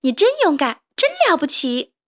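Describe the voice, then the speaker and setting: A woman doing a squeaky excited little toad. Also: moderate pace, no room sound, muffled recording, lightly acted. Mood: admiring. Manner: high, excited, admiring. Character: small timid young male toad.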